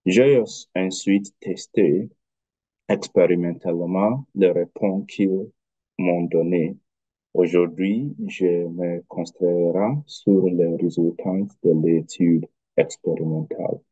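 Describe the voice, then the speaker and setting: A man with a foreign accent in French, a non-native speaker giving an academic presentation in halting, careful phrases over a video call. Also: sits low, fairly even intonation, dark tone, husky, no room sound, lo-fi sound. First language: not French. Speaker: researcher presenting a study.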